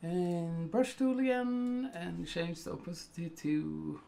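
A middle-aged Swedish man with a Swedish accent talks through a photo editing tutorial at his computer, thinking aloud with plenty of ums and uhs. His voice sits fairly high, moves slowly, and sounds creaky yet mellow. It's a casual screen-recorded tutorial.

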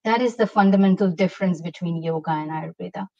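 A woman's voice: lowish voice, fast talker. A middle-aged woman from India, a health coach, explaining ideas expressively as a guest on a video-call interview from her home. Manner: expressive, gestures while explaining. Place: home room. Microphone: laptop mic on a video call. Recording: dull lo-fi video-call audio.

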